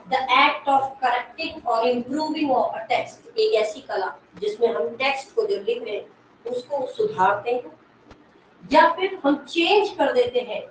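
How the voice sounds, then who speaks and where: A woman English literature teacher giving an exam-prep lecture, explaining slowly, repeating key words and quizzing the class. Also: high voice. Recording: echoey room, mic far from speaker, faint noise.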